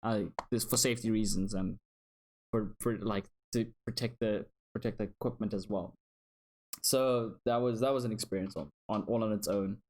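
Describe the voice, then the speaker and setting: A man's voice: lowish voice, steady tone, normal speed, a little mellow. A young man co-hosting a podcast in casual chat, rambling, restarting words and laughing often. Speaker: podcast co-host.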